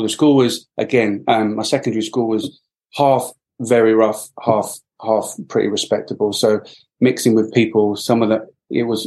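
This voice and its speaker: On the low side and a little mellow, this man's voice belongs to a middle-aged podcast guest from Wales. He reflects thoughtfully during the interview, often using fillers and starting sentences over.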